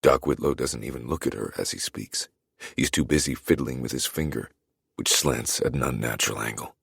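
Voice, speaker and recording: A man narrating an audiobook in the first person, his voice extremely deep and gravelly with a husky edge. He reads in a brooding, measured way. The recording is close and dry. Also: fairly bright tone, no room sound.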